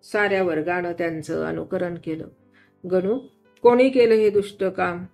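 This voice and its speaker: A woman reading a children's story aloud, voicing each character with shifts in pitch and loudness. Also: normal speed, creaky, faint music behind.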